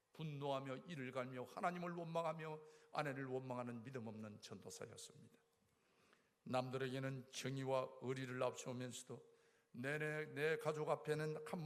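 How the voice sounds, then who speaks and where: Gravelly man preaching in echo. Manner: impassioned, swings between loud outbursts and low pleading. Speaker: preacher giving testimony. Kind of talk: emotional testimony sermon. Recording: echoey church hall.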